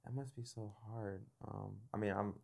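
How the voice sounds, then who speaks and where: His voice sits on the low side with vocal fry as this young man hosts a laid-back podcast interview. He comes across as relaxed and thoughtful, dropping frequent quick "yeah"s and filling his pauses.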